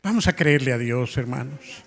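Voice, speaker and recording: A male pastor preaching a sermon in a church hall, telling a story with passion and sometimes rising almost to a shout. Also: medium pitch, expressive, normal speed, gravelly. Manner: impassioned, rising to near shouts in retold scenes. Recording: long reverb of a large hall.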